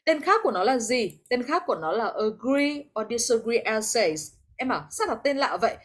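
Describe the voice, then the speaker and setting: A woman English teacher with a Vietnamese accent leads an online class over a video call. Her voice sits fairly high. She explains step by step and encourages her students, mixing English terms into her explanations. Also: very animated, moderate pace.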